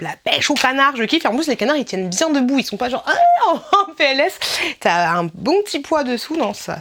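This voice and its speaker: Woman vlogger, casual product review, chatty and informal, frequent laughs, talks straight to the viewer. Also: a little high. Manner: chatty, informal, laughs often, many fillers and repeats; addresses the viewer as tu.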